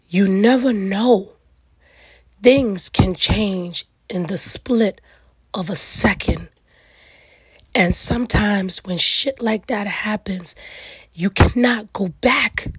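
A middle-aged woman with a raspy, gravelly voice hosts a solo reflective talk, speaking earnestly and emphatically in weighty repeated phrases. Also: medium pitch, takes it slowly, pauses often, dry recording. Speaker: podcast host.

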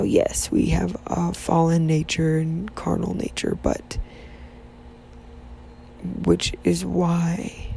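A woman hosting a casual faith podcast, sleepy and yawning, talking softly in a half-whisper and rambling with restarts. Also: fairly low pitch, creaky, a little hiss or hum, low-quality recording. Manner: soft, half-whispered talk while her child sleeps; rambling, with many restarts and fillers. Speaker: podcast host.

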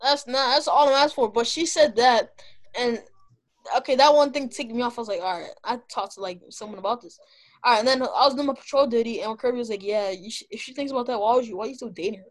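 High-pitched young woman, slangy casual storyteller. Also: fast, poor audio. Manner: slangy, often saying "bro".

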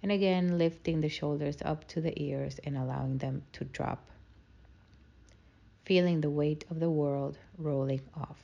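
A woman leading a guided meditation in a slow, soothing, calming manner. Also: low-pitched, vocal fry, lo-fi sound.

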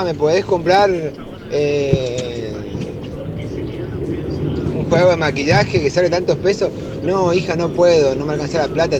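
A man's voice: a little high, background noise. A man with an Argentine accent telling a long joke as a caller, rambling and repeating himself. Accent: Argentine Spanish. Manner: rambling storytelling with repeated "le dice".

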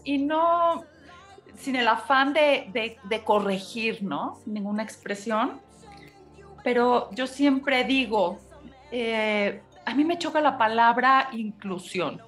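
A woman from Mexico hosts a radio talk, speaking slowly and backing her guest's points with quick agreement. Her voice sits somewhat high. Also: a bit bright, soft background music. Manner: affirming, adds agreeing tags. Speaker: radio host. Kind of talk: radio interview conversation.

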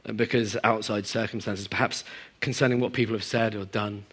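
A man preaching a sermon to a congregation, moving between emphatic high passages and quiet, low stretches. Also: brisk, slightly rough. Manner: animated, swings from emphatic highs to quiet low asides. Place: church hall in front of a congregation.

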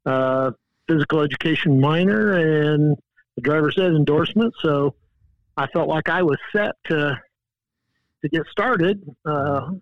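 A man in his sixties from Indiana who played and coached high school football. He tells his story in a folksy, rambling way, full of fillers. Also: a little slow, no room sound, muffled recording. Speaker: guest coach. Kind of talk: casual storytelling.

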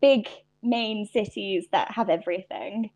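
A woman's voice: mid-range voice, measured pace, a little mellow. A young Irish woman, a podcast guest, talking reflectively in a casual interview with frequent restarts. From Ireland.

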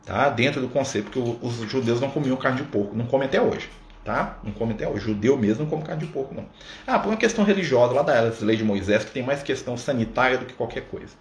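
Quick-talking man teaching. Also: mid-range voice. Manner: conversational, keeps checking in with "né?" and "tá?". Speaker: spiritist study leader. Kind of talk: informal religious teaching on a livestream. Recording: echoey room with faint background noise.

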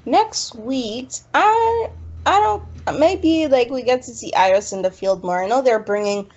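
A woman's voice: on the high side, animated, unhurried, darkish tone, breathy edge, lo-fi sound. A woman in a casual TV recap chat, ranting in an exasperated way and saying "like" constantly. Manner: exasperated ranting, heavy use of "like".

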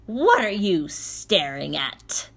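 A woman's voice: medium pitch, animated. Baba Yaga, a sneering old witch voiced by a woman. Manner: slow, emphatic, nasal sarcastic drawl.

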